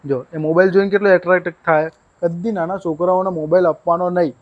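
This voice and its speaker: A young man talks casually into a handheld mic at home at night, running a family vlog. His voice sits a little high for a man, and the sound is a touch dull and lo-fi. He chats easily and keeps coaxing a small child. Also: fairly even intonation, fast. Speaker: vlogger.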